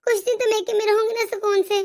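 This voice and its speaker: Woman voicing a very high fed-up young wife. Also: flat delivery, fast, a little mellow. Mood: aggrieved. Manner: complaining, pleading. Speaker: daughter-in-law. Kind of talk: animated moral story.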